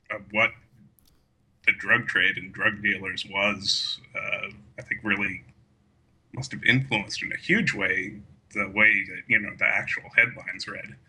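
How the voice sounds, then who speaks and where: A man's voice: fairly low pitch, sharp tone, slightly rough, poor audio. A man talking through a film in a casual discussion, rambling with many fillers and frequent laughs. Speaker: podcast co-host.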